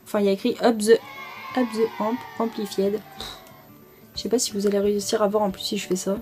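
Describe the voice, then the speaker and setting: Young french woman gushing about her makeup faves, lots of euh, soft music under it. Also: medium pitch, flat delivery, fairly quick. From France. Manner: chatty, many fillers, enthusiastic about products. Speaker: beauty vlogger. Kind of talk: casual product review.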